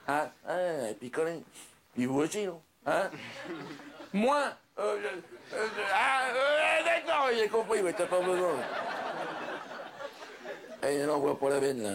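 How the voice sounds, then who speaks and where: A comedian playing a blunt, exasperated doctor on a night call, chatting fast with laughing asides in a stand-up sketch. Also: male voice, fairly high pitch, big pitch swings, over a noisy crowd.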